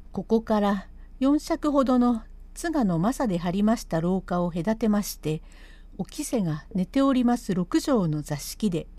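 A woman reading aloud a classic spoken storytelling text in measured, old-fashioned narration. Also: medium pitch, warm tone, no echo.

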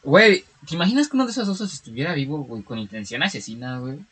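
A young Mexican man chatting casually with friends. He talks fast and loose, full of slang, with a husky, slightly rough voice. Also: on the high side, expressive, fairly bright tone. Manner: fast, slangy, peppers speech with "güey". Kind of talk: casual chat.

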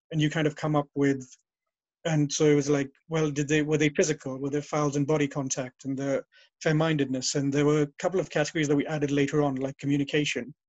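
A man with a fairly high voice is the guest in a casual interview over a call, rambling through long stories about the old days and correcting himself mid-sentence. He's a native English speaker, and the lo-fi recording has no echo.

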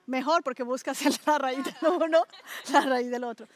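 A woman's voice: high-pitched, moderate pace. A middle-aged woman pastor from Colombia, preaching in a conversational way and asking her listeners questions. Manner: animated, asks listeners questions, stretches words for emphasis. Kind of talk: conversational sermon to a small group.

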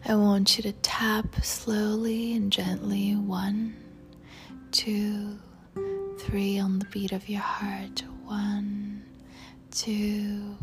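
A woman guiding a meditation in a soft, breathy spa whisper, soothing and tender toward the listener. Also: mid-range voice, completely flat delivery, very slow. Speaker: meditation guide. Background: music.

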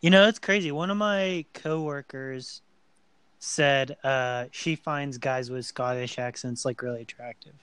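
A young man co-hosting a casual podcast chat, animated and rambling with a jokey manner. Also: mid-range voice, a little slow, smooth, no echo. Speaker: podcast co-host.

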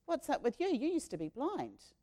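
A woman's voice: high-pitched, wildly swooping pitch, moderate pace, dark tone, pitched above the performer's own voice. A woman voicing a group of indignant male temple leaders who fire accusing questions as she retells a Bible story.

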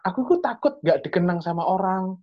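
A man's voice: sits high, lively intonation, a little fast, highs cut off. A young man with an East Javanese accent tells a personal story in casual chat, earnest and rambling. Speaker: storyteller sharing a testimony.

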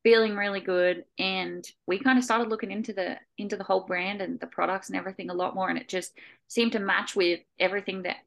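A woman with a gravelly, fry-edged voice co-hosting a relaxed podcast. She talks in a laid-back way, dropping fillers and the odd swear word. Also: mid-range voice, fast. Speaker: podcast co-host. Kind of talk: casual podcast chat.

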